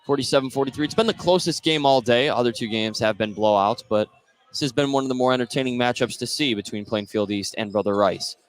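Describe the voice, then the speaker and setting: A play-by-play announcer talks fast in a mid-range voice, calling a basketball game live for radio. He's courtside in an indoor school gym, and the broadcast picks up plenty of clear gym noise.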